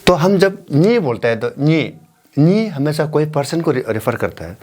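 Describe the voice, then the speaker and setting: A man explaining the parts of a word from his own language, talking slowly and haltingly and repeating syllables to show how they are said. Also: a little high, big pitch swings, a little mellow. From Northeast India. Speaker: language teacher. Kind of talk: explaining a word in casual Hindi.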